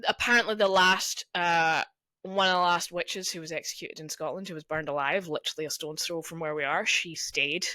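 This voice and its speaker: A woman's voice: fairly low pitch, fairly even intonation, a little fast, pushed and bright, no echo. A young adult woman co-hosting a casual podcast chat. She tells stories and swears freely. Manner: chatty storyteller, swears freely. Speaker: podcast co-host.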